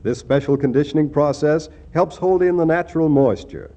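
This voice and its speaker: A man's voice: on the high side, normal speed, mellow. A man reading scripted 1940s radio advertising as a commercial announcer. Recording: muffled 1940s radio recording.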